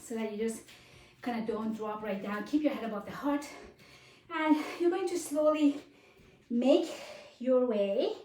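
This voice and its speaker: A woman's voice: fairly high pitch, a little slow, pauses often, mellow, a little hiss or hum. A woman working as a fitness instructor, leading a live workout class with encouraging urging, short commands and counts. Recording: roomy echo, distant microphone.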